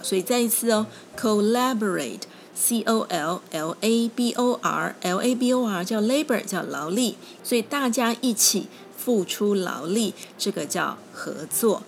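A woman teaching English vocabulary in a lesson. She spells words letter by letter and repeats them slowly and patiently. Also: medium pitch.

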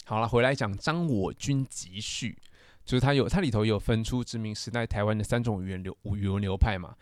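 A man's voice: fairly low pitch, a little fast, darkish tone, no room sound, studio quality. A man with a Taiwanese Mandarin accent co-hosting a casual literary discussion, explaining things with teasing asides and sentence-final particles. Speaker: podcast co-host.

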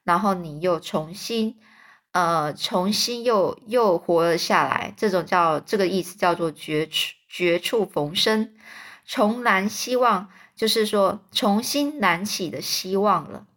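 A woman's voice: mid-range voice, measured pace. A woman reading a children's book aloud, stopping to explain words simply for young listeners. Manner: gentle, with fillers and restarts. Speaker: storyteller.

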